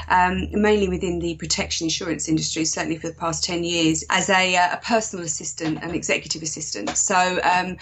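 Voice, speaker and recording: Middle-aged Essex woman, lowish voice. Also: breathy edge. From Essex, England. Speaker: podcast guest, virtual assistant. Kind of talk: conversational interview. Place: small converted garden office. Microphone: internet call.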